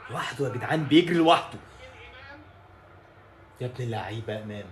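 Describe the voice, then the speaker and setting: A young man with an Egyptian Arabic accent, reacting live to a football match with exasperated exclamations and shouts at the players. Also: mid-range voice, lively intonation, fast, slight background noise. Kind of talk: excited live reaction commentary.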